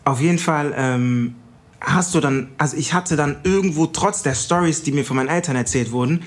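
A young man from Germany, a podcast guest telling stories in a casual, animated way and acting out the people he quotes. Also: a little high, brisk. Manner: animated storyteller, acts out quoted voices. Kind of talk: casual storytelling chat.

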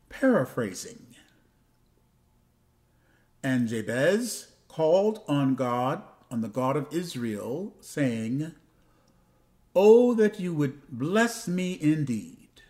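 Slow, hushed male pastor. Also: fairly high pitch. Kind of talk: slow scripture reading and prayer.

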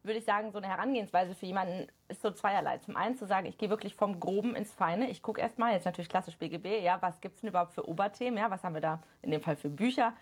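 A woman who works as a study coach, a guest on a podcast, explaining in a fast, animated way full of fillers. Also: medium pitch, husky. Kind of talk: casual chat.

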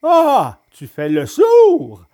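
A man voicing a brutal hooded robber who threatens in a slow, drawn-out way. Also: very high-pitched, wildly swooping pitch, dark tone, pitched above the performer's own voice, exaggerated voice. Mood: furious.

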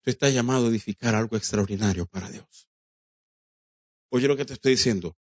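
A man's voice: medium pitch, brisk, dry recording. Preacher guy, emphatic sermon, acts out quotes, dry close sound. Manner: emphatic preaching, addresses the congregation directly, acts out quoted dialogue; drops English phrases into Spanish. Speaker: pastor.

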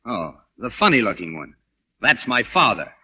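A man's voice: on the low side, sing-song, moderate pace, sharp tone, breathy edge, full character voice. An actor playing a wry, sarcastic, exasperated man with dry, clipped delivery in an old Hollywood comedy style.

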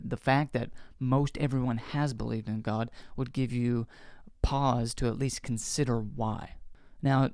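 A man of middle pitch hosts a commentary show and talks through an interview clip, arguing his case earnestly and firmly. His slightly mellow voice is recorded close and dry, with no room echo.

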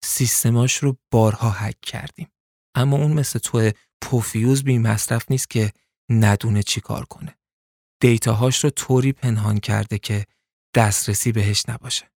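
A man's voice: medium pitch, fairly even intonation, creaky, darkish tone, dry recording, clean studio sound. A man voicing a cold, seductive female gang boss who mocks and threatens her captives. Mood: scornful. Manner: mocking, taunting, menacing.

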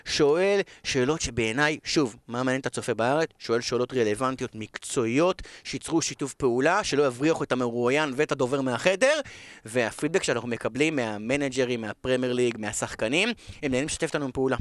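A man's voice: medium pitch, no room sound. A man with an Israeli accent talking casually as a football broadcaster being interviewed, emphatic and repeating phrases for stress. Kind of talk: casual podcast conversation.

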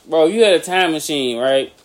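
A man with a high voice for a guy, trading quick jokes and mock-angry comebacks on a casual podcast. He curses freely and keeps the banter moving. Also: expressive, slight background noise. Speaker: podcast co-host. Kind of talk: casual chat.

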